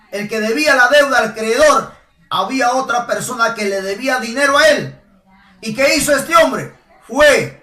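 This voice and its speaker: A man preaching a sermon emphatically, asking rhetorical questions and rising to shouts. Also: very high voice. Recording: echoey room, voice from a distance.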